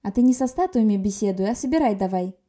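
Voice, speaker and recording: A woman voicing a sharp-tongued, quick-tempered young sorceress who talks brusquely and scolds. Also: mid-range voice, lively intonation, natural voice.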